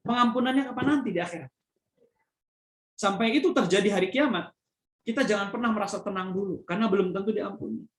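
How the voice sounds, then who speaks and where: A man's voice: high voice, fast, long pauses. A man giving a religious study lecture as a preacher, explaining with everyday examples and frequent fillers. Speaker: Islamic preacher. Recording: echoey room.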